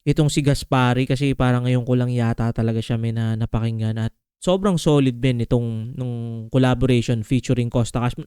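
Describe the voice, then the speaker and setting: A male reaction host talks through a track in loose, slangy chatter, tossing in "men" every few phrases. His voice comes through smooth and resonant at a middle pitch, and the sound is dry and close with no room around it. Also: fairly even intonation, brisk, mellow, no room sound. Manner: slangy, peppers talk with "men" and fillers. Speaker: music reaction video host. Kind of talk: casual reaction commentary.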